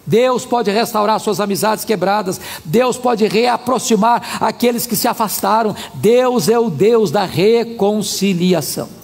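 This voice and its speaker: High-pitched gravelly preacher. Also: male voice, unhurried, hardly any pauses, big-room sound. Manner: animated, humorous storytelling preacher. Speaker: pastor. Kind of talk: sermon.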